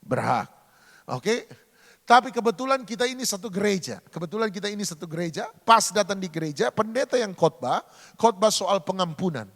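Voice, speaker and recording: Pastor, male, high gravelly voice, playful preaching style with acted-out exchanges, big church reverb. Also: expressive, brisk, a bit bright. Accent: Indonesian. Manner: humorous, acts out dialogue, asks the congregation questions. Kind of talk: sermon. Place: church sanctuary.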